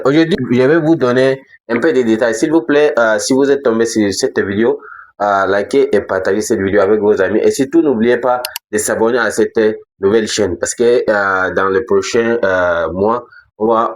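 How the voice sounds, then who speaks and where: A man teaching English in a lesson, talking hesitantly with frequent fillers, restarts and repetitions, and spelling words out letter by letter. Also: medium pitch. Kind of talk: French-language English lesson.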